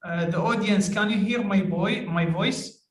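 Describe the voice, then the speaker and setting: A man's voice: high voice, a little slow. A man hosting an online webinar over a video call, speaking politely with many hesitations and fillers. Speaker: webinar host. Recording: echoey room, distant from mic.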